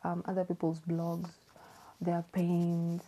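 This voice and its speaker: Woman host, casual address to listeners, hesitant with restarts, low and flat delivery. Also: slow pace, poor audio. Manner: hesitant, repeating herself with fillers. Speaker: podcast host.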